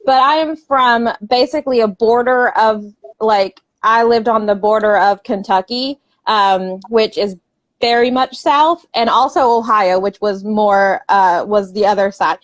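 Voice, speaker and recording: A woman's voice: a little high, a little slow, dry recording. A woman author from Southern West Virginia with an Appalachian accent, chatting casually in an interview, laughing often between filler words.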